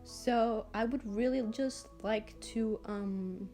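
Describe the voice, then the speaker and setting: A woman's voice: a little high, takes it slowly, warm tone, soft background music. A teenage girl talking casually as a vlogger about her design work, chatty and full of "like" fillers. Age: teens. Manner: chatty, lots of "like" fillers, gushing. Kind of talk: casual vlog talk over screen recording.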